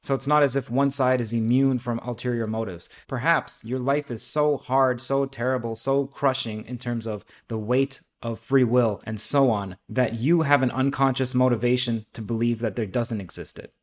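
A man's voice: mid-range voice, steady tone, moderate pace, few pauses. A man hosting a podcast, reading aloud with commentary in a thoughtful, articulate way. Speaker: podcast host.

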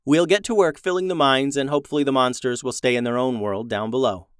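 A man's voice: mid-range voice, fast talker, clean tone, no echo, clean studio sound, natural voice. A man voicing a thoughtful orphan prince in a storybook, musing aloud.

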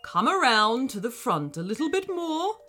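A woman's voice: high-pitched, very animated, normal speed, pushed and bright, faint music behind, heavily acted. A woman voicing a proud old male wizard trapped inside a racing car, with a grand, kindly storybook delivery. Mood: warm, grand.

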